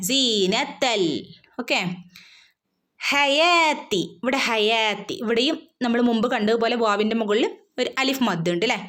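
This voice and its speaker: Woman, recitation teacher, fairly high voice, patient and repetitive. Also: fairly bright tone. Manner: patient, repeats each word, asks and answers own questions. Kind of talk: recitation lesson, explaining and modelling verses.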